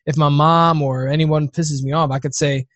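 A man's voice: a little high, fairly even intonation, normal speed, a bit bright, dry recording. A man in his thirties talking casually and openly, swearing often and restarting his sentences as he thinks aloud. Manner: rambling, profane, restarts often. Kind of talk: casual conversation.

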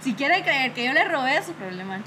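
A young woman, casually telling animated stories about bad bosses and peppering them with "¿verdad?". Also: high voice, brisk, slight background noise. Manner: animated storytelling, acts out her bosses' scolding; frequent fillers like "¿verdad?" and "va". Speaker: guest telling work stories. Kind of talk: casual chat.

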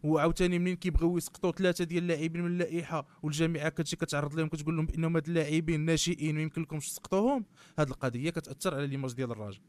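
A man with a Moroccan accent speaks in a smooth, clean voice at a very rapid pace. His pitch sits a little high as he lays out his analysis as a panel guest, switching often into French terms. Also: fairly even intonation, a little mellow, dry recording. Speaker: guest commentator on football club marketing. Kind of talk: panel discussion, giving analysis.

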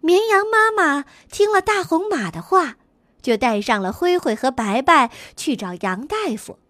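A woman reading a children's story aloud in a slow, expressive way. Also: high voice, no echo, clean studio sound.

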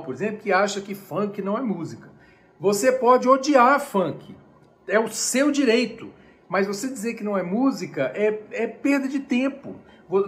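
A Brazilian man with a Brazilian Portuguese accent giving a chatty, digressive music lecture on a live stream from home. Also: high voice. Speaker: music teacher.

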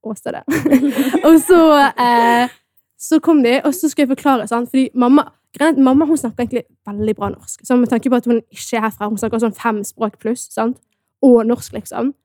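A young woman with a Bergen Norwegian accent, co-hosting a podcast and telling stories in animated, casual chat with English words mixed in. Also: on the high side, no echo, clean studio sound. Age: young adult. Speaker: podcast co-host.

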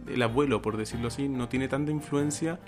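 A man's voice: medium pitch, brisk. Young Chilean man, rambling podcast co-host, word-searching; faint guitar behind. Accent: Chilean Spanish. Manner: rambling, searches for words, lots of fillers. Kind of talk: casual chat.

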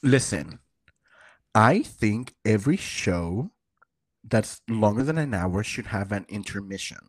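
A man's voice: lowish voice, lively intonation, unhurried, no echo. A man with a lisp co-hosting a casual podcast, talking playfully, swearing freely and laughing often, on a condenser mic in a room at home. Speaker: podcast co-host. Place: room in a house. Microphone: condenser microphone.

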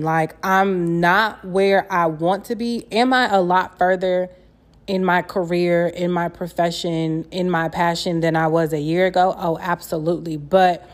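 Lower-voiced young woman, candid and slangy. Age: young adult. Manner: candid, slangy, freely swearing. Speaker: podcast host. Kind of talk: casual solo chat.

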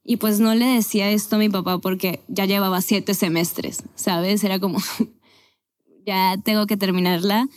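A woman in her twenties from Venezuela, a podcast guest talking candidly and casually about her life, with quick self-corrections. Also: medium pitch, steady tone. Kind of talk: casual conversational storytelling.

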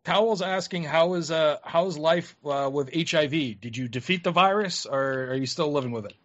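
A slightly higher-voiced man hosts a raucous podcast, brashly steering the talk and reading out chat questions. The audio is dull and lo-fi. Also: normal speed, a bit bright. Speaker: podcast host.

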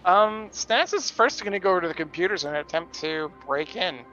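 A man's voice: high-pitched, lively intonation, brisk, pushed and bright, highs cut off, faint music behind. A man playing a tabletop game, talking hesitantly with many fillers. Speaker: player. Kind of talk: casual tabletop game chat.

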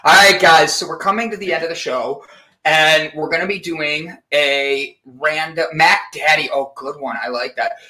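Upbeat, bright-voiced male host. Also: a little high, moderate pace. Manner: upbeat, rambling, energetic. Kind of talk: casual live-stream chat.

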